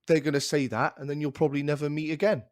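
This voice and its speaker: A man's voice: a little high, level tone, quick pace. A young man co-hosting a casual podcast, ranting in exasperation and restarting his sentences. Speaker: podcast co-host.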